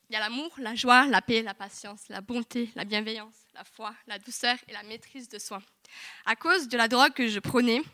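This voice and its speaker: A young woman giving a lively, chatty testimony in church, full of asides to the congregation. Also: fairly high pitch. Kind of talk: sermon testimony. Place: church hall.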